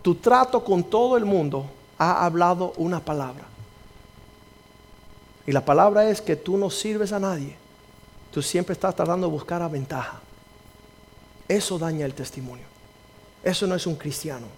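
A man's voice: high voice, normal speed, long pauses. A man preaching a sermon as pastor, reading scripture and acting out the voices in the story with rising emphasis. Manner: preaching with dramatized quotes, rising to loud emphasis.

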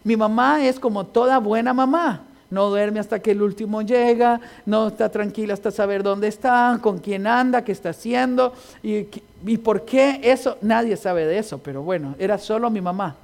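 A man preaching a sermon, telling personal stories with quoted dialogue and rising into impassioned, shouted exhortation. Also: high voice, moderate pace, vocal fry, hardly any pauses.

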